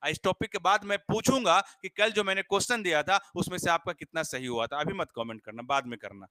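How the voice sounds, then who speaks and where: Male online tutor, fairly high voice, dry close sound, animated and stern. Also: dry recording. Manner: animated, scolding, playful memory tricks. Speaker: teacher. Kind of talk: live online class.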